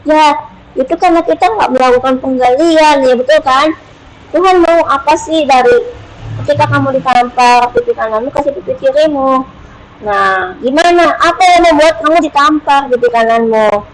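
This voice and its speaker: A woman teaching an online Bible study in a casual, unhurried way, pausing often with hesitations and acting out prayers with lively emphasis. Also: high-pitched, slight background noise, low-quality recording.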